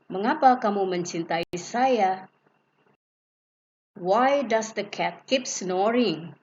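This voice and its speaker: A woman teacher reads example sentences aloud at an unhurried, deliberate pace. The recording sounds dull and lo-fi. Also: mid-range voice. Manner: slow, careful reading, each English sentence followed by its Indonesian translation. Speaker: English teacher. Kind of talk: reading example sentences slowly.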